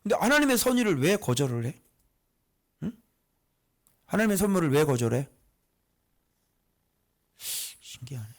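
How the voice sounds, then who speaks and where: A man preaching a conversational sermon as pastor, teasing the congregation with quick rhetorical questions. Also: a little high, big pitch swings.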